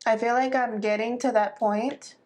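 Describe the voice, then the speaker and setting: A woman in her thirties with a slightly high voice co-hosts a relaxed podcast. She speaks in an easygoing, agreeable way, full of casual fillers. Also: moderate pace. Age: 30s. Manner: easygoing, agreeable, lots of likes. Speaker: podcast co-host. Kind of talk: casual chat.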